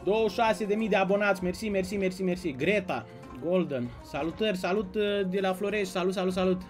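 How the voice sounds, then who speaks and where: A man's voice: high-pitched, faint music behind. A man from Romania hosting a casual live stream, greeting viewers by name and bantering with the chat. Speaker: slots streamer.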